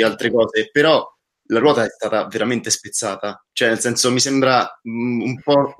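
A man's voice: mid-range voice, a bit bright. A man with an ordinary mid-range voice lays out his theory in a casual podcast chat. He talks earnestly and often stops to restart his sentences. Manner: earnest, hesitant, many restarts. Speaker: podcast co-host. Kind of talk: casual discussion.

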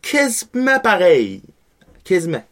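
A man's voice: sits high, huge pitch swings, takes it slowly, a bit bright. A man co-hosting a casual hockey podcast, laid-back, giving short replies and listing his picks. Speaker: podcast co-host.

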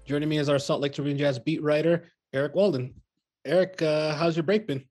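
A man with a slightly high-pitched voice chats casually as a podcast co-host. His delivery is informal and meanders from thought to thought. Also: fairly even intonation, brisk, darkish tone, soft background music. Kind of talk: casual sports podcast chat.

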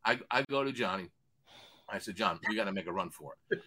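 A man who bets on sports, telling a long profane story in a loud rant and acting out other people's lines. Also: on the low side, animated, brisk. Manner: loud, swears constantly, acts out other voices. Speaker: sports betting handicapper guest.

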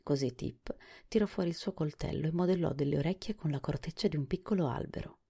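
A woman narrating a children's storybook in a calm, measured reading. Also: deep voice, breathy edge.

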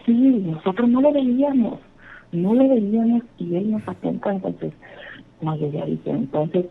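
A woman's voice: medium pitch, unhurried, vocal fry, slight background noise. A woman earnestly telling a rambling personal ghost story, calling in by phone. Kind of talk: casual storytelling. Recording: phone line.

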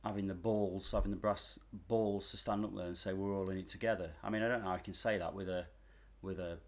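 A man talks through his views in a relaxed chat, often restarting his sentences. His voice sits somewhat low. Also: quick pace. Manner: hesitant, restarts often, opinionated. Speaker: podcast co-host, former mental health worker. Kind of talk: casual chat.

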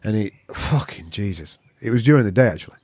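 A veteran jiu-jitsu practitioner from Yorkshire, England, chats casually as an interview guest, telling anecdotes in a blunt, sweary, earthy way with a regional accent. His voice is lowish, expressive, and a little mellow, with a quick pace. There's no echo.

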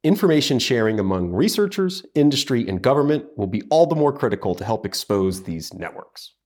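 A man's voice: mid-range voice, sing-song, a little fast, a little mellow. A man co-hosting a podcast, talking through reports in a casual, analytical way, thoughtful and full of hedging fillers. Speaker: podcast co-host.

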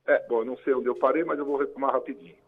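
A man's voice: mid-range voice, steady tone, racing, no echo. A man calling in to a radio interview as a guest spokesman, on a glitching line that keeps cutting out, explaining at length with many "é" and "né" tags. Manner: long explanations full of "é" and "né" tags. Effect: glitching audio, the call keeps cutting out. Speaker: guest spokesman for a carnival bloc collective. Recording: tinny phone line breaking up.

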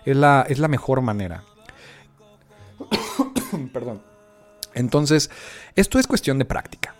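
A man with a Mexican accent, an English teacher giving a friendly, chatty podcast lesson with frequent filler pauses. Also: medium pitch, sing-song.

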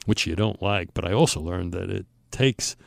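A man's voice: deep voice, normal speed, gravelly, no echo. An older man with a Brooklyn accent tells a personal story in an emphatic, conversational way, acting out the dialogue. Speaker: storyteller on a talk show.

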